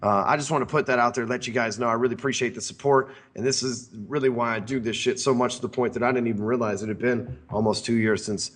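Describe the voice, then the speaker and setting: A man's voice: medium pitch, fairly even intonation, fast, hardly any pauses. A man hosting a sales podcast, talking in a brash, rambling, profane way. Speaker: podcast host. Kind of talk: casual profane podcast talk.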